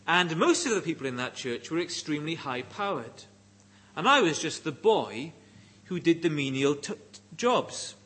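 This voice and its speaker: A middle-aged man from Wales delivers a sermon in a fairly high, husky voice whose pitch swings widely and lively. He goes slowly, placing deliberate emphasis on each phrase.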